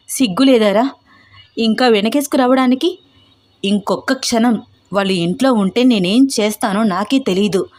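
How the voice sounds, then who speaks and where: A woman voicing a furious, strict middle-aged mother who scolds in shrill outbursts. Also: a little mellow, natural voice.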